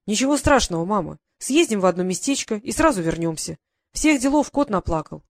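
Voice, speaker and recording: A woman reading an audiobook, voicing a calm young male guard sergeant reassuring his mother in a steady way. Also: mid-range voice, fairly quick, lightly acted.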